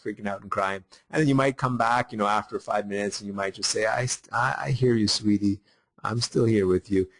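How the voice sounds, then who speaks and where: Halting low-voiced man teaching parents. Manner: halting, many fillers and restarts. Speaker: webinar host. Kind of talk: unscripted teaching talk.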